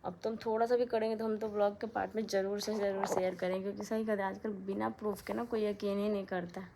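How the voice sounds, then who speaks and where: A young woman chats on her phone camera in a small room at home, speaking straight to her viewers in a casual, aggrieved way. Her voice sits at an ordinary pitch for a woman. A faint hum of room noise is heard behind her. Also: level tone, fast, warm tone. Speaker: vlogger. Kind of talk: casual vlog chat to viewers. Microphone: phone camera held close.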